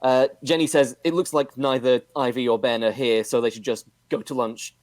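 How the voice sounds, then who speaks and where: A man casually recapping a television episode on a podcast, with steady narration and frequent fillers. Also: mid-range voice, moderate pace, no room sound. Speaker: podcast host recapping a show.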